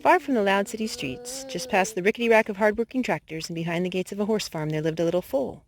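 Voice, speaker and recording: A woman leads a storytime for little children, reading aloud and singing in an expressive, sing-song, motherly way. Her mid-range voice moves fast. Crowd noise can be heard around her.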